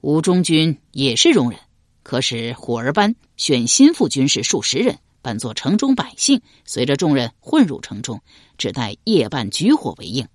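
A man's voice: mid-range voice, huge pitch swings, moderate pace, dry recording, studio quality. A man voicing a shrewd male chief minister laying out a plan. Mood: confident. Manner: confident, explanatory.

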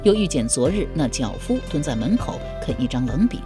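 A woman narrating a historical novel as an audiobook, in an expressive storytelling cadence. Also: sits low, brisk, over music.

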